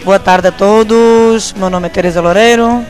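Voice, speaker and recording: A woman from Angola with a Portuguese accent, a teacher giving a chatty self-introduction with pauses and self-corrections. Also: mid-range voice, fairly even intonation, darkish tone, faint music behind. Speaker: English teacher.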